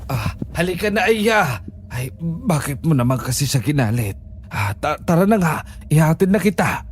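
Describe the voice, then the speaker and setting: A sassy, fearless young nurse. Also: female voice, low voice, very animated, a little hiss or hum. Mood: cheerful. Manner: teasing, sassy, quick comebacks. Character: cheeky, fearless young female private nurse. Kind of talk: audio drama acting.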